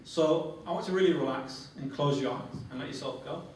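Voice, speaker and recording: Guiding a group through a relaxation demonstration, a phobia therapy trainer gives instructions and repeats his phrases. His voice is a little mellow and on the high side, his pace slightly fast. He's recorded in an echoey training room from a distant mic, with heavy echo and faint noise.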